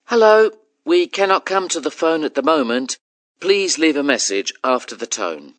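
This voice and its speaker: A man's voice: fairly high pitch, big pitch swings, moderate pace, fairly bright tone, dry recording. Man's answering machine greeting over a landline. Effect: answering machine greeting over a landline phone. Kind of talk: scripted language-test recording.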